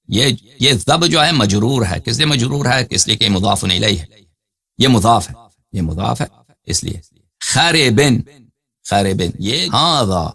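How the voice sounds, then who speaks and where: A husky-voiced male scholar lectures with a lively, swooping pitch that climbs on his rhetorical questions. He answers each one himself and reads out citations from texts. His delivery is that of a teacher walking listeners through a dense argument. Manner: fires rhetorical questions, then answers them; cites texts and reads out page numbers. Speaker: religious scholar.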